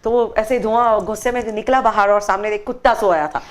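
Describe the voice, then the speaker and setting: In a medium-pitched voice that runs a little fast, a female meditation workshop trainer talks about her workshops as a guest in a studio TV interview. Her storytelling is expressive, and she performs the quoted voices of the people in it.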